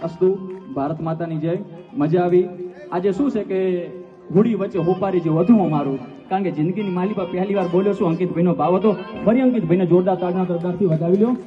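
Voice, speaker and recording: A man's voice: high-pitched, fast talker. A man, telling folk stories at a live stage show, emphatic and repeating his phrases as he keeps addressing the crowd. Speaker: folk storyteller at a live dayro. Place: outdoor festival stage. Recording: echoey live stage audio from far, dull, faint guitar.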